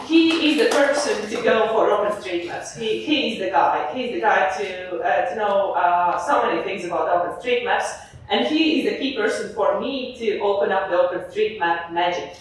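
A young woman from eastern Latvia with a Latvian accent gives a chatty, animated conference talk with frequent "uh" fillers. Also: mid-range voice, moderate pace, a little hiss or hum. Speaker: conference speaker. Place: large lecture hall with audience. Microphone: far camera in the audience. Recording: echoey hall from far off.

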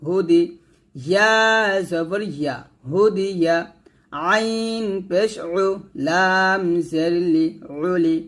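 Slow, drawn-out Bangladeshi male teacher. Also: sits high, a bit bright. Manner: spells each letter with its vowel mark, then blends the syllables. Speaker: Quran reading teacher. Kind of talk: slow spelled-out recitation lesson.

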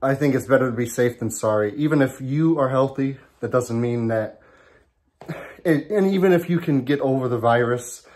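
A man's voice: mid-range voice, normal speed, darkish tone. A man in a casual home vlog, talking from his garage into a handheld camera, rambling with lots of ums and restarts and a bit out of breath. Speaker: vlogger.

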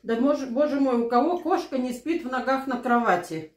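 A woman's voice: high voice, moderate pace. A woman in her sixties chatting casually and telling anecdotes over a meal at home. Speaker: mukbang vlogger. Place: small living room at home, indoors. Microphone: camera across the table. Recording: roomy, echoing home room.

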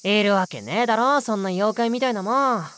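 Woman as a lively, brash joking schoolboy. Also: medium pitch, brisk, close to an everyday voice. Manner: rough, slangy, clowning speech. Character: brash, joking teenage schoolboy, cheeky show-off. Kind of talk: Japanese visual novel game acting. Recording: music under the voice.

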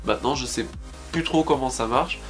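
A man's voice: medium pitch, a little fast, a bit bright. Young Frenchman chatting casually, music behind. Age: 20s. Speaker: YouTube vlogger. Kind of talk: casual chat to camera. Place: indoor room at home.

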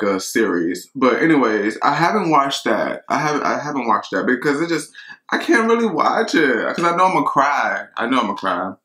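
A man chats on camera between bites, rambling and talking straight to his viewers. His voice is bright and forceful, and it rings through an echoey home kitchen. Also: medium pitch. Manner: chatty, rambling, talks to viewers as y'all. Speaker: mukbang vlogger. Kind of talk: casual chat while eating.

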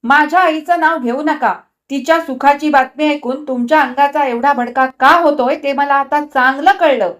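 Furious accusing young wife, voiced by a woman reader, high and shrill. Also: normal speed, close to an everyday voice.

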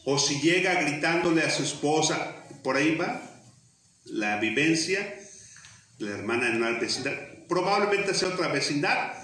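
A man's voice: fairly high pitch, expressive, moderate pace, pushed and bright. A middle-aged man, a priest, reading and preaching at Mass in a church with cathedral-like echo. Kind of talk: liturgical reading and homily at Mass. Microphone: handheld mic through speakers, recorded from far camera. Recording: echoing church, distant mic, faint noise.

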